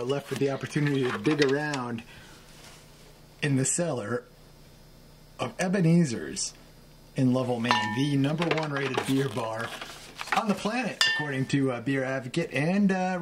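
A man's voice: mid-range voice, expressive, unhurried, pauses often. A man hosting a casual video, upbeat and jokey, recorded in a basement cellar. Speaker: video host. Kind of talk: casual vlog chat. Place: indoors, basement beer cellar. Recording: loud camcorder noise.

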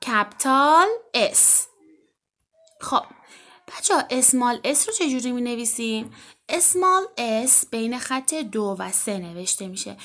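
A woman teaching an alphabet lesson to children, gently and encouragingly, stretching out example words slowly and clearly. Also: fairly high pitch. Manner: slow, drawn-out, clearly enunciated example words.

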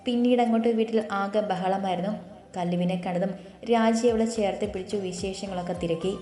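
A woman narrating a story in a calm, even storytelling voice. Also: mid-range voice, fairly quick. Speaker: audiobook narrator. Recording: roomy echo with faint music.

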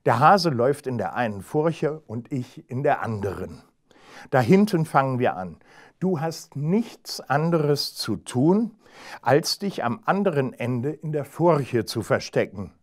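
A crafty, stubborn storybook hedgehog who speaks calmly and a little grumpily, voiced by a man reading aloud. He talks slowly, with a lively rise and fall. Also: mid-range voice. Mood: scheming. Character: clever, stubborn male hedgehog.

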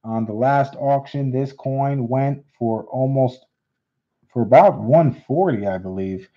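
A man hosting a live coin auction, repeating bids in steady auctioneer patter. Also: medium pitch, unhurried. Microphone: unseen, hands on camera. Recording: dull lo-fi stream audio.

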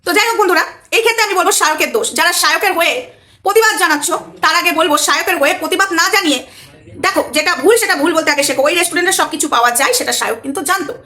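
A woman's voice: very high voice, rapid-fire, sharp tone. A woman vlogger giving an indignant, repetitive, lecturing commentary to her viewers. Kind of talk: emotional commentary vlog.

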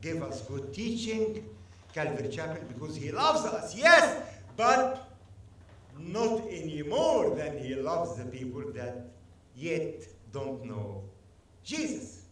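A man preaching a sermon as guest speaker, emphatic and animated, drawing the congregation into call-and-response. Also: fairly high pitch, takes it slowly. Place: church sanctuary. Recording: echoey church hall, mic at a distance.

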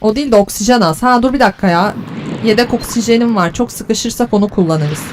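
A woman's voice: a little high, a little fast, faint music behind. Exasperated woman cursing through a let's play. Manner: exasperated, cursing and bantering at the game's creatures; teasing mock flattery. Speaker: gaming channel host.

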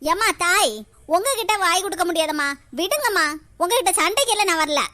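A woman's voice: extremely high pitch, animated, a little fast, pushed and bright, heavily acted. A woman voicing a well-off village woman in a cartoon, aggrieved and pleading with the neighbours. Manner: pleading, aggrieved, repeats "akka". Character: well-off village woman defending her family. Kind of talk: animated cartoon voice acting.

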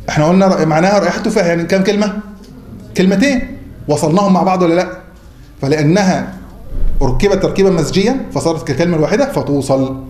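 A man's voice: high-pitched, darkish tone. A man with an Egyptian accent teaching a class, who keeps asking the students questions and then answering them himself. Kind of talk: classroom lecture. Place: classroom or mosque hall. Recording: roomy hall with faint noise.

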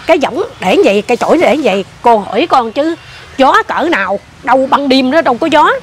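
An older woman, telling a ghost story in casual chat, animated and repetitive. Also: sits high, fairly quick, a little hiss or hum. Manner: animated, repeats herself, points things out.

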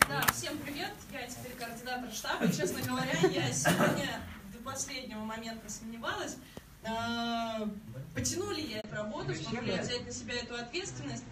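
A woman in her twenties, working as a campaign office coordinator, addresses a public meeting in a crowded indoor room. Her voice is fairly high and a little fast, and she sounds earnest but hesitant, often restarting her sentences. The far-off mic picks up echo and crowd noise, so the recording is noisy.

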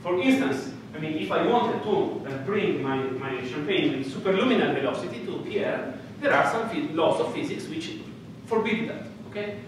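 An Italian man gives a lively university physics lecture in a dark hall with a projector screen, telling stories playfully, gesturing, and often checking in with "okay?" His animated voice sits on the high side, moving at a moderate pace with hardly any pauses. A distant room mic catches him as he walks around, so the sound is echoey and carries room noise.

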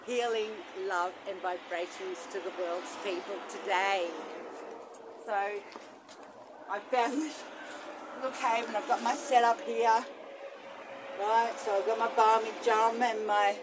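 A spiritual practitioner in middle age vlogs outdoors, talking to a phone camera mounted on a selfie stick with a clip-on microphone. She speaks at a medium pitch, meandering happily and exclaiming now and then while exploring bush and a shallow rock cave. The phone audio is noisy, with traffic in the background.

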